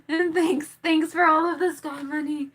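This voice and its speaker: This livestream host speaks slowly in a high, steady, slightly bright voice. Giggly and chatty, she reads viewer chat, attempts tongue twisters, and mixes in some singing with the casual talk.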